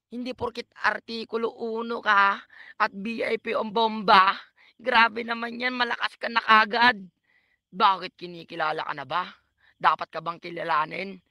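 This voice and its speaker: Paos na lalaking pa-gravelly at maliwanag ang boses. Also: male voice, sits high, little pitch movement, normal speed, pushed and bright, no room sound. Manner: taunting, cursing. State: hoarse. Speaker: battle rapper. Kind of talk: freestyle insult battle.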